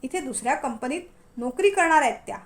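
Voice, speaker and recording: Storybook part: woman reading as an older man, proud family patriarch, formal and commanding, voice pitched fairly high. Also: lively intonation, fast talker. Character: stern proud elderly father, business head.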